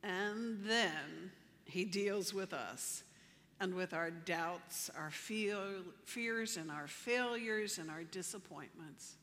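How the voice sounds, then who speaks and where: Slow, bright-voiced woman preaching. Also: on the low side, long reverb tail. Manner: measured, emphatic preaching with slow deliberate phrasing. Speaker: pastor. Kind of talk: sermon.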